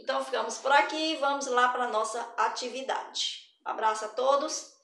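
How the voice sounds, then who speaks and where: A woman's voice: high voice, normal speed, fairly bright tone. A woman teaching an arts lesson in a chatty, explanatory way, with many hesitations and restarts. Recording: roomy echo.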